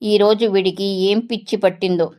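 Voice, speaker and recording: A woman's voice: medium pitch, fairly even intonation, moderate pace, darkish tone, natural voice. A woman voicing a caring mother who scolds and soothes her young son, in a plain read-aloud character voice. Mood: tender, scolding. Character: caring village mother, scolding yet tender.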